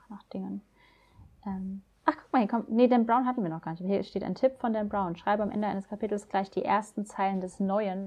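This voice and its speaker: A woman's voice: mid-range voice, muffled recording. A woman co-hosting a podcast, chatting casually and emphatically about writing craft. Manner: animated, emphatic, acts out examples. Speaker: podcast co-host.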